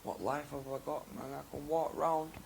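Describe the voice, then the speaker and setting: A young man with a gravelly, fry-edged voice talks openly as an interview guest. His speech is slangy and rambling, rising to loud excitement and dropping to low mumbles. Faint noise sits underneath. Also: normal speed, poor audio. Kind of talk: candid interview talk.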